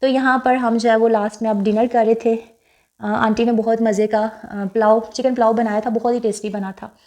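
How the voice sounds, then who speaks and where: A woman's voice: fairly high pitch, little pitch movement, normal speed. A young woman from Pakistan narrating her vlog in a casual, chatty way, reflective and a little wistful, with frequent fillers. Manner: speaks softly and wistfully about her late mother. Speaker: vlogger.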